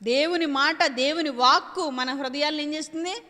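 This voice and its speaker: A woman's voice: sits high, normal speed, bright, forceful tone, long reverb tail. A woman preacher delivering an emphatic sermon, repeating her phrases and asking and answering her own questions.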